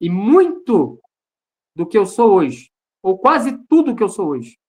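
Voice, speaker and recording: A man's voice: sits high, sing-song, takes it slowly. A Brazilian man, a pastor, sharing his personal testimony in an online service over a video call, earnest and repeating phrases for emphasis. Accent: Brazilian Portuguese.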